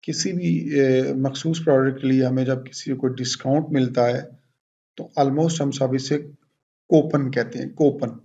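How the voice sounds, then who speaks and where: A man teaching English pronunciation, repeating each word several times in a deliberate way and switching between English and Hindi explanations. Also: mid-range voice, fairly even intonation, dark tone, lo-fi sound. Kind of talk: pronunciation lesson.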